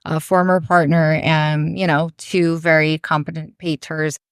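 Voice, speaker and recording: A woman's voice: deep voice, little pitch movement, a little slow, clean tone, dry recording, clean studio sound. A woman in her thirties from Brazil, a podcast guest and business owner, talking in a rambling, friendly way. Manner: rambling, warm, full of "you know" fillers. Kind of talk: casual interview chat.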